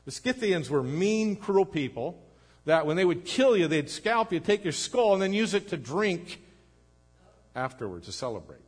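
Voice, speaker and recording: A man preaching a sermon as pastor, earnest, swinging between emphatic lines and low, quiet ones. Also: very animated, normal speed, slightly rough. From United States.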